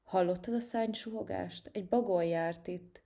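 A woman's voice: fairly low pitch, vocal fry. A woman voicing an eager, curious little girl cat in a children's storybook. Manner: excited, eager.

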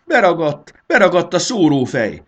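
A man voicing a clever, bold young boy in a storybook, brisk and confident. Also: fairly low pitch, huge pitch swings, husky, lo-fi sound, pitched above the performer's own voice, exaggerated voice. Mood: alarmed.

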